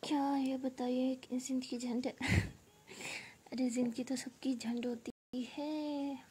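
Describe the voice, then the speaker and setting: A woman hosts a live stream from her phone, half-whispering and joking as she reads out comments. Her voice sits high but sounds mellow and warm. A faint hiss of noise runs underneath. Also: little pitch movement, slow. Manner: soft, half-whispered, playful. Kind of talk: casual chat reading viewer comments.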